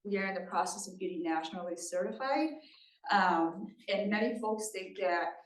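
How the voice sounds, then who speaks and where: A Thai woman with a medium-pitched voice speaks at a moderate pace, giving a conversational presentation at a community meeting. She is engaging and keeps checking in with her audience. The distant mic gives the recording a roomy sound.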